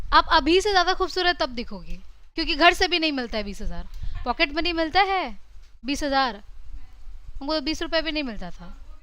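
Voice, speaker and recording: A high-pitched, bright-toned Indian woman lectures her classroom. Her delivery is lively and chatty, and she switches freely between Hindi and English. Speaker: teacher.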